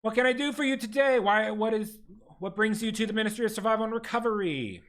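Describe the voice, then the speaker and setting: A man's voice: sits high, quick pace, a bit bright, voice pushed up. A man voicing a brusque female government desk clerk with officious, bureaucratic politeness.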